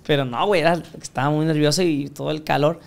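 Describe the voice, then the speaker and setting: A man's voice: on the high side, wildly swooping pitch, normal speed, gravelly. A young Mexican man, a podcast guest, telling crude stories full of profanity and acting out the voices of people he quotes. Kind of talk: casual storytelling interview.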